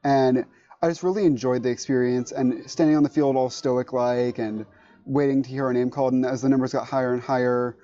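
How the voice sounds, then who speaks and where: A man's voice: mid-range voice, steady tone, a little fast, dark tone, no echo, muffled recording. A teenage boy sincerely recalling a proud moment in an interview. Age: late teens. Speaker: graduating marching band member. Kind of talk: casual interview answer.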